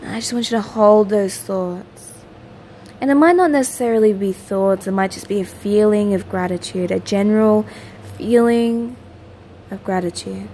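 A woman with a mid-range voice narrates a guided meditation. She is soothing and gentle, repeating soft instructions in a lulling way. Faint ambient noise sits behind her voice. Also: medium pitch, moderate pace. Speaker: meditation teacher, host of a daily guided meditation.

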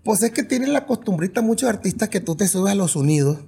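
Brief: male band singer, rough gravelly voice, animated and salty. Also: sits high, fast talker. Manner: animated, swears freely, imitates drum hits with his voice. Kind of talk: casual interview storytelling.

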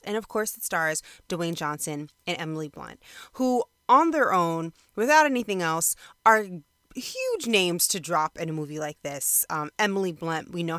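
A woman's voice: fairly low pitch, fairly bright tone, clean tone, dry recording. A woman giving a casual solo review in natural, unscripted talk, conversational and rambling as she thinks aloud with frequent hesitations. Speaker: movie reviewer.

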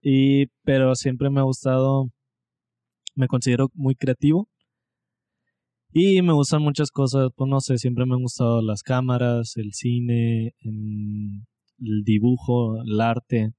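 Speaking slowly in a mid-range voice with no room sound, a young podcast co-host from Monterrey, Mexico, keeps the chat casual. He comes across relaxed and self-deprecating, wandering a bit as he talks.

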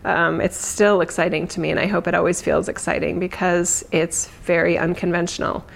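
A woman speaking as a spiritual guide in a conversational, reflective way, with halting, unscripted phrasing. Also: lowish voice, little pitch movement, creaky. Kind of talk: informal spiritual talk.

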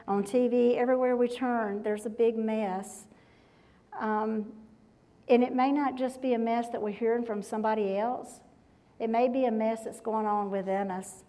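A woman's voice: mid-range voice, darkish tone, low-quality recording. A woman, giving a devotional talk as a guest speaker and telling folksy stories straight to her audience. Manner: folksy, chatty storytelling addressing the audience directly.

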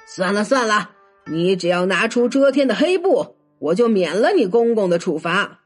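A woman's voice: mid-range voice, big pitch swings, moderate pace, faint music behind. A woman voicing an angry, pompous male prefect who scolds and blusters. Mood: indignant.

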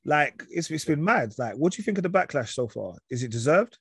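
A man's voice: a little high, very animated, fairly quick, a bit bright, slightly rough, no room sound, clean studio sound. A man with an urban London roadman accent, hosting a podcast in casual, slangy chat. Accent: London, urban street. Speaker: podcast host.

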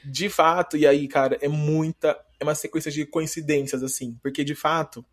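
A man's voice: fairly high pitch, fairly even intonation, moderate pace. A young Brazilian man co-hosting a podcast, telling a funny story in slangy casual chat and often breaking into laughs. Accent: Brazilian Portuguese. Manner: laughing storyteller, slangy, quotes his mother. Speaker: podcast co-host.

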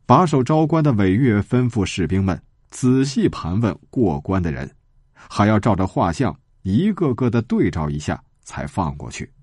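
A man narrating a children's storytelling podcast in an animated way, with close, dry sound. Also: moderate pace, husky, dry recording. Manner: animated, sweeping pitch.

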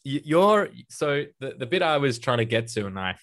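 A man's voice: medium pitch, big pitch swings, normal speed, fairly bright tone. A man hosting a podcast interview, chatty and rambling, who laughs often. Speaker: podcast host. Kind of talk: casual interview.

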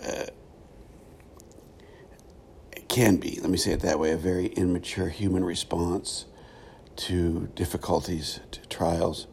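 Low, gravelly middle-aged man, thoughtful and unhurried. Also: steady tone, darkish tone, a little hiss or hum. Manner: thoughtful, halting, pausing often. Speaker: podcast host, former pastor. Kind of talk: reflective solo podcast monologue.

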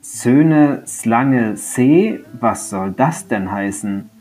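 A man's voice: mid-range voice, lively intonation, slow pace, soft background music. A man voicing a helpful male forest creature who patiently explains how to say a sound. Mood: puzzled.

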